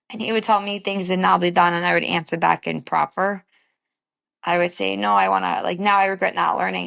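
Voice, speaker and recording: Speaking with a lowish, creaky, fairly bright voice, this young Bronx woman rambles through an interview as a guest. Her New York accent comes through, and she fills her casual talk with "like."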